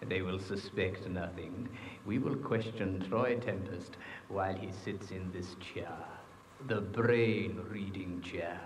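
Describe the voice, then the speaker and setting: A man playing a scheming, coldly courteous alien leader with slow, theatrical villain menace in a vintage puppet adventure series. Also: low voice, steady tone. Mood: sinister. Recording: echoey hall reverb with clear noise.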